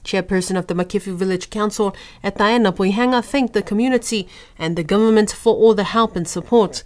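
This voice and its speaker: A woman's voice: medium pitch, a little fast, a little mellow. Woman reading the news. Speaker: news presenter.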